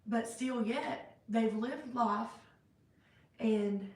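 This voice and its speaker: A woman's voice: fairly high pitch, very slow, a little mellow. A woman vlogging in a casual, reflective way, rambling with many fillers and restarts, in a cold room indoors. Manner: self-described hyper and sentimental. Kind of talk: casual reflective faith-based vlog. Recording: roomy sound, mic at a distance.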